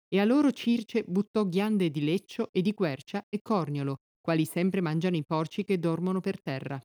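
Low, mellow woman reading epic verse. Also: dry recording, clean studio sound. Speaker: narrator. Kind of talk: reading epic poetry aloud.

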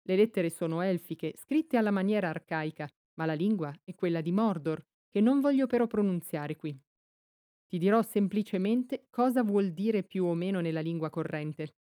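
A woman's voice: fairly low pitch, lively intonation, dark tone, no room sound, studio quality, natural voice. A woman reading as a grave old male wizard. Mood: solemn. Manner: slow, solemn storytelling speech. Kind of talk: audiobook reading.

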